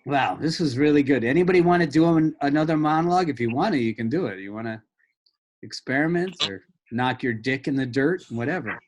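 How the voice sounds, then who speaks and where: A man's voice: medium pitch, a little fast. A man hosting a casual show for actors, joking and swearing freely as he tells stories. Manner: joking, profane, animated. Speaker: host. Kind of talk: casual chat.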